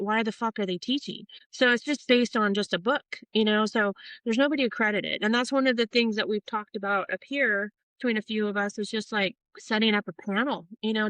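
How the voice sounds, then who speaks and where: A woman's voice: medium pitch, fairly bright tone, no echo, low-quality recording. Profane rambling middle-aged woman, dry sound. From Portland, Oregon, US. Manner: rambling, profane, many fillers and restarts. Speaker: tattoo artist guest. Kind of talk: casual interview storytelling.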